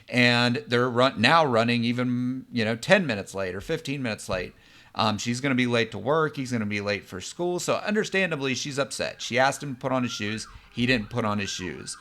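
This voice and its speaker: Bright-toned man explaining patiently. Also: medium pitch. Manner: conversational, many fillers and check-ins. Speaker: psychologist. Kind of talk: explanatory lesson.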